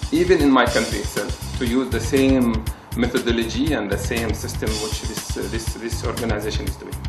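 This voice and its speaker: A man from the Emirates gives a testimonial interview as a patient, speaking haltingly at medium pitch and repeating words as he searches for them. The recording has a roomy echo with a loud music bed underneath.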